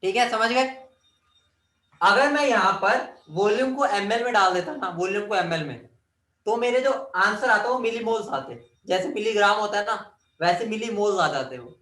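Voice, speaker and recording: A man's voice: high voice, moderate pace, sharp tone. A man teaching chemistry in a classroom lecture, quizzing his students and teasing them as he drills formulas. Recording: echoey room, mic at a distance.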